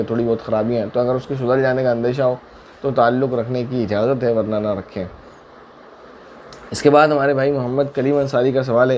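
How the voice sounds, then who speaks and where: A man's voice: medium pitch, darkish tone, slight background noise. Man patiently explaining religious rulings. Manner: patient, explains step by step with worked examples. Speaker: mufti answering viewer questions. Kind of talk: religious Q&A lesson.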